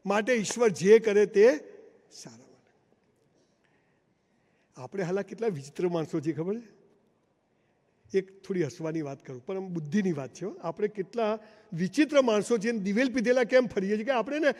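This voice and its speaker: A man's voice: sits high, animated, brisk, a little mellow. A man giving a live motivational seminar speech in a large hall, telling stories emphatically and addressing the crowd directly. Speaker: motivational speaker. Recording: long hall reverb.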